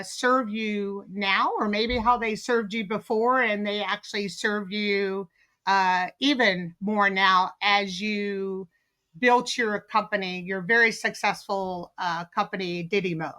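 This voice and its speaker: Female podcast host, bright tone, eager and chatty with lots of "uh"s. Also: mid-range voice, fairly even intonation, slow pace. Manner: enthusiastic, many fillers and restarts. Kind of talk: podcast interview.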